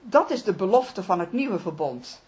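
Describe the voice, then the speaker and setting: A middle-aged woman reading Bible passages aloud and explaining them to a study group in a calm, measured way. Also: medium pitch. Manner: calm, measured, with occasional restarts.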